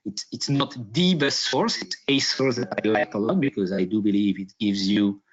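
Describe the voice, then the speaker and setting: A man from Hungary giving a business webinar presentation, halting, with many fillers and restarts. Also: lowish voice. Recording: dull lo-fi webinar audio.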